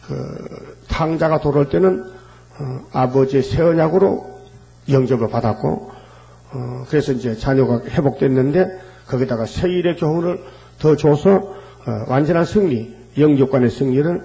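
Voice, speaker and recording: A male pastor preaching a fervent sermon, asking rhetorical questions and filling pauses with hesitations. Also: mid-range voice, vocal fry, warm tone, muffled recording.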